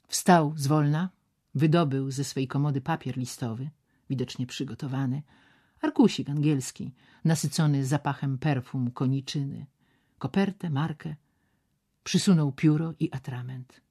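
A woman narrating a literary novel aloud in a dramatic, expressive way. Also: rumbling low, unhurried, breathy edge. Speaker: audiobook narrator.

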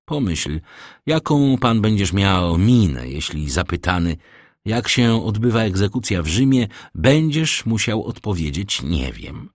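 A man voicing a suave, worldly count who speaks in measured, urbane tones, read in an audiobook. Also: fairly low pitch, very animated, dry recording, clean studio sound. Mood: persuasive. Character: suave worldly male count, persuasive host.

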